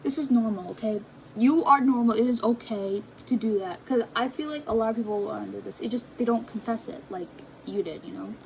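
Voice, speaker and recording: A woman's voice: a little high, a little fast, gravelly, darkish tone, a little hiss or hum, low-quality recording. A young woman chatting casually as she reacts to confessions, full of fillers and restarts. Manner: chatty, filler-heavy, stumbles over reading. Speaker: vlogger reading confessions. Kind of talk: casual chat reacting to read-out posts.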